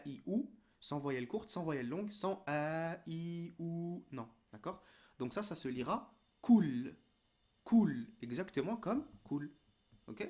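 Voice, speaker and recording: A man teaching reading in a relaxed, informal way, checking in often and drawing out syllables. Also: a little high. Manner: patient, informal, addresses the learner as tu with frequent "d'accord?" and "ok?"; drawn-out syllable demonstrations. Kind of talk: online lesson.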